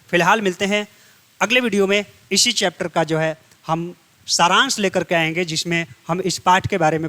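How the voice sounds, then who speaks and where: A man's voice: high-pitched, a bit bright. A male teacher explaining a textbook chapter step by step in an exam-prep lesson, repeating key phrases to his students. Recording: long hall reverb.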